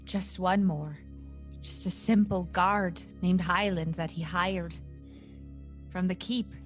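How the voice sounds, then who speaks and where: A woman playing her character in a tabletop game, speaking in a guarded, calm and plain way. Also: on the low side, slow, soft background music. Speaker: player.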